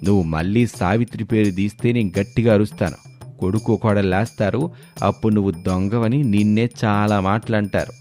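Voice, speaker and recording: A weary husband lectures his greedy wife slowly in a low, dark voice, as the narrator puts him on. It is storybook drama acting with faint music behind. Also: steady tone, lightly acted. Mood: scolding. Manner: slow, scolding and lecturing.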